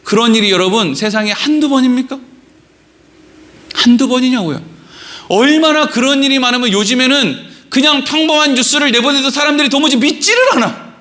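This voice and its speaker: High, bright-voiced male pastor preaching. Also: fairly quick. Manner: animated, acts out quoted questions and voices. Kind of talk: sermon. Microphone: livestream.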